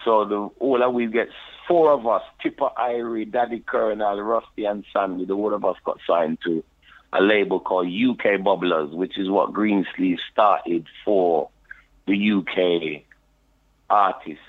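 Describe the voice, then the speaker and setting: A reggae deejay from the United Kingdom, speaking with a London Jamaican patois accent, unhurriedly shares his story as a podcast guest. His voice sits on the low side with a steady tone, he says "you know" a lot, and the phone line sounds tinny.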